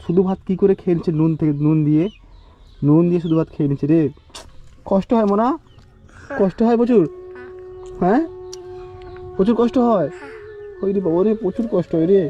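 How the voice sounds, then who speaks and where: A man with a high voice vlogs from a village while visiting a poor family, firing question after question at the children on the spot. His voice is pleading and often breaks with tears, and the audio is dull with slight background noise.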